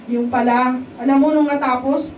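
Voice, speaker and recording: Woman lay speaker, high voice, chatty testimony style, often turning to the congregation for agreement, recorded from a distance with faint background noise. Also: steady tone, moderate pace, darkish tone, echoey room, lo-fi sound. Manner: keeps checking in with the congregation. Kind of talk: testimony sermon in a casual, conversational way. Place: church hall at a worship service.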